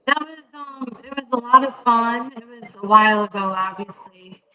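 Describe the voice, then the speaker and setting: A woman's voice: on the high side, moderate pace, pushed and bright, dull audio. A woman guest who works as a hypnotist, speaking with many hesitant ums while her voice keeps cutting in and out over a remote call line. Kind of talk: casual interview answers.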